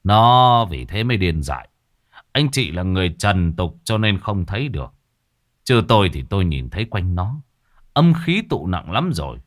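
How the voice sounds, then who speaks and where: A man's voice: sits low, sing-song. A man voicing a stern old village exorcist. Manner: commanding, measured.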